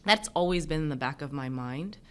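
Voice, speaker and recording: Speaking a little fast with lively intonation, this emergency physician has a low-sitting, clear and resonant voice. She is a native Mandarin speaker from the United States, giving thoughtful explanations in a reflective interview and often hedging with "you know" and "kind of."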